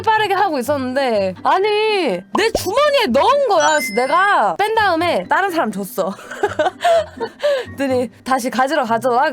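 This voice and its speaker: Young woman streamer, casual storytelling, high voice, lively swings, faint music behind. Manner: animated, laughs often, acts out fans' voices.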